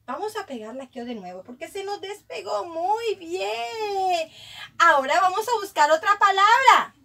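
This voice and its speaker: Super high bright-voiced woman teaching little kids, slow sing-song praise. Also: sing-song. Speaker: kindergarten teacher. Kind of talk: online lesson for young children.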